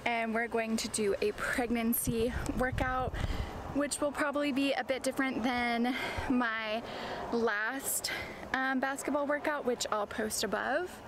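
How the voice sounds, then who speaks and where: A woman's voice: fairly high pitch, steady tone, measured pace. A woman chatting casually as a vlogger, narrating her own workout on an outdoor basketball court and now and then short of breath. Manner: sometimes short of breath from exercise. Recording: distant mic, noisy outdoor ambience.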